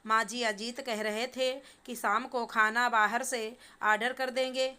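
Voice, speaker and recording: A woman voicing a meek young daughter-in-law in a storybook reading, speaking in a quiet, polite way. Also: a little high, level tone, measured pace, clear, resonant tone.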